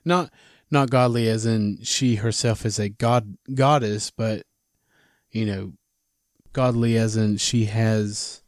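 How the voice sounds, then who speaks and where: A man co-hosting a podcast in casual chat, chiming in with quick comments and asides. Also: fairly low pitch, fairly even intonation, no room sound, clean studio sound. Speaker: podcast co-host.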